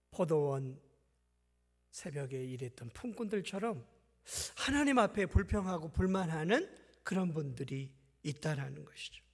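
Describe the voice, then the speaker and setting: A man preaching to his congregation in a high, bright, ringing voice. He swings between near-whispered asides and loud, pleading climaxes. The sound carries the long reverb of a church hall. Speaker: pastor. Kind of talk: sermon.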